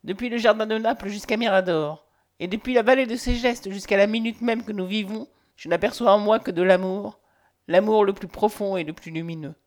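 A woman's voice: mid-range voice, brisk, darkish tone, lightly acted. A woman voicing an ardent, domineering man who pleads and commands with passion in a read-aloud novel. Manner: impassioned, commanding. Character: ardent, domineering man declaring his love.

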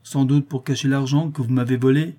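A man's voice: medium pitch, moderate pace, warm tone, close to an everyday voice. A man voicing a stern, furious employer who accuses his clerk harshly. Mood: stern accusing. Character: stern angry male employer, older, merciless.

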